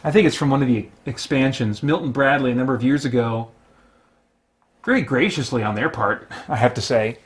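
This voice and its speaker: In a casual play-by-play, a man with a mid-range voice talks a little fast while hosting a solo tabletop game. He narrates each move and reasons aloud through rules and decisions.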